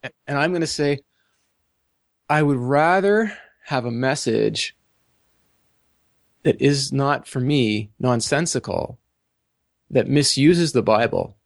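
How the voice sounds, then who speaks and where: A man co-hosting a podcast, talking through a book in halting, self-correcting speech and reading passages aloud. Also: mid-range voice, lively intonation, gravelly, dry recording, clean studio sound. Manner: halting, repeats words, reads passages aloud. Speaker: podcast co-host. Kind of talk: casual book discussion.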